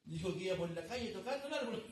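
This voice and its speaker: A man's voice: high voice, lively intonation, very fast, background noise. A man preaching a sermon as pastor, telling a story and calling his listeners "brother". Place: church. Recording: echoey room, distant mic.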